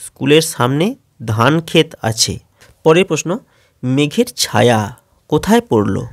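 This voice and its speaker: A man teaching schoolchildren in a steady question-and-answer lesson, announcing each question and then answering it, with a Bengali accent. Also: on the high side, a little slow, creaky, no echo, studio quality.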